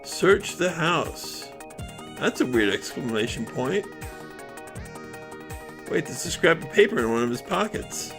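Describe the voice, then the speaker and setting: A man's voice: fairly high pitch, very animated, a little slow, pauses often, over music. A man streaming a game, reading dialogue aloud with chatty asides.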